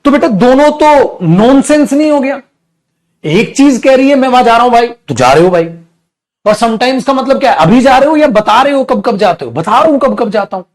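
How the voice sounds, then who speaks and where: A male English teacher giving a live online grammar class, explaining with rhetorical questions, reading example sentences very slowly and calling the students beta. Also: very high voice, lively intonation, darkish tone. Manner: addresses students affectionately as beta.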